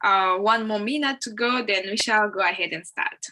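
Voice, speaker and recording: A young Ugandan woman hosts a live video-call session, speaking at medium pitch and a normal pace with a pushed, bright tone. She's chatty and welcoming, using plenty of fillers, and her voice comes through a laptop or phone mic on the call.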